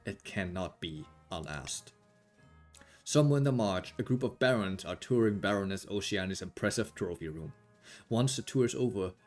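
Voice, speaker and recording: A man narrating a board game on a live stream, with dry, wry delivery. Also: on the low side. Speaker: game storyteller.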